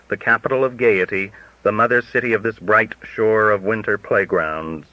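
A man reading an audiobook in measured storytelling, his pitch shifting widely, recorded dull and lo-fi. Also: pushed and bright, no echo. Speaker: audiobook reader. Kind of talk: audiobook narration.

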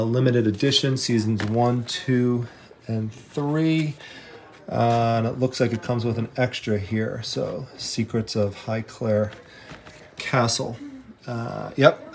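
A man's voice: mid-range voice, a little hiss or hum. A man chatting casually as he walks through an estate sale house, filming by hand and filling his talk with "I mean" and "you know". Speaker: treasure hunting vlogger. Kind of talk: casual handheld walkthrough. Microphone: handheld camera, first-person view.

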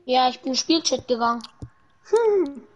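High-voiced giggly young streamer. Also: female voice, expressive, a little slow. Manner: giggly, joking, chatty. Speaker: livestream host. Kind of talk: casual gaming stream chat.

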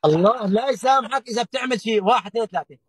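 An older man with a Levantine Arabic accent grumbles through livestream banter. His voice is very high and very fast, exasperated, and recorded close and dry on a phone. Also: slightly rough, no room sound. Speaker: livestream guest sheikh.

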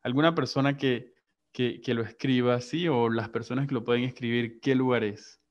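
A man's voice: medium pitch, steady tone, moderate pace. A man teaching an online English class in Spanish and English, patiently repeating vocabulary and calling on students. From Latin America. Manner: patient, repeats and drills words aloud. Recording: muffled online class audio.

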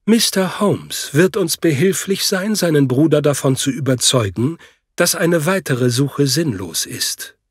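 A man voicing a grave old priest, low-voiced. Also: animated, a little slow, slightly rough, no echo, clean studio sound. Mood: solemn.

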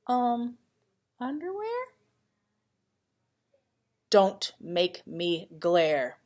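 With big pitch swings and drawn-out words, a woman reads a picture book to her elementary pupils, hamming it up playfully and chatting to them between lines. She's the school's vice principal, and her mid-range voice has a darkish tone.

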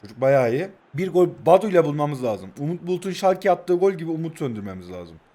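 Young man in his 20s, high voice, streamer doing excitable play-by-play commentary. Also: quick pace. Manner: excitable, shouts names when attacking. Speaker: mobile football game streamer. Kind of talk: live gameplay commentary.

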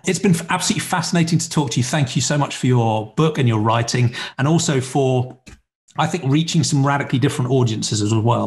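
A man in his forties hosts a podcast interview over a video call from a room at home, sounding earnest and encouraging. His voice is medium-pitched and a little mellow, picked up by a webcam.

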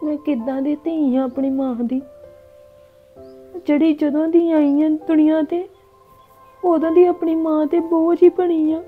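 A woman's voice: high-pitched, steady tone, measured pace, pauses often, narrow, tinny audio, faint music behind. A woman playing a young blind daughter who blames herself as a burden, speaking plaintively. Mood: self-reproaching. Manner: plaintive, self-reproaching. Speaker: actor in a family short film. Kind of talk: melodramatic village drama acting.

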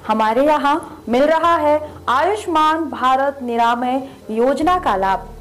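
A woman's voice: high-pitched, animated, takes it slowly, low-quality recording. A woman reading a scripted advertisement as a voice-over. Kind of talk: scripted hospital advertisement narration.

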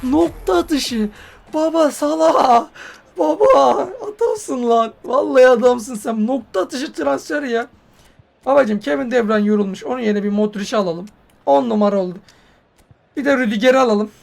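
A man commentating on his own football video game match, yelling and swearing at the game when it goes wrong. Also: very high voice, moderate pace, gravelly. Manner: hot-tempered, swears and yells at the game. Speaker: gaming YouTuber.

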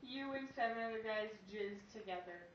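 A woman's voice: fairly high pitch, moderate pace. A young woman chatting casually in a small room at home, asking teasing questions. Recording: muffled, echoey, off-mic, noisy home video.

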